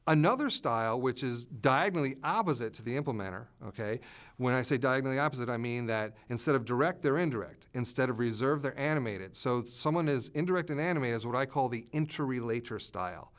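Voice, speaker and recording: A man explaining communication styles as an expert in an interview, pausing often with "uh" fillers. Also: medium pitch, lively intonation.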